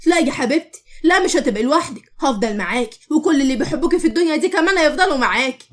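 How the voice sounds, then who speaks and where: Woman doing a comforting egyptian mom, reassuring, high and quick. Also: expressive. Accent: Egyptian Arabic. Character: warm, comforting Egyptian mother.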